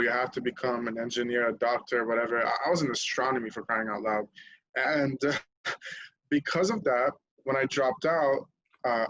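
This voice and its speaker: A man's voice: mid-range voice, fairly bright tone, muffled recording. A young man from Lebanon, a podcast guest telling his story candidly in casual chat, swearing freely and laughing at himself.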